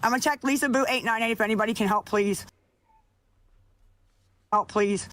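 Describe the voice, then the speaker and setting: A woman's voice: on the high side, normal speed, fairly bright tone. A woman on her own livestream, pleading with viewers for money and swearing angrily at people she blames. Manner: profane, pleading and angry. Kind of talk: upset livestream rant.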